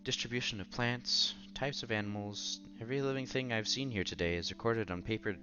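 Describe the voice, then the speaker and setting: Reading a visual novel on stream, this man speaks briskly in a mid-range voice, mixing the story with relaxed conversational comments and pausing to react. His audio sounds dull, and background game music sits under him.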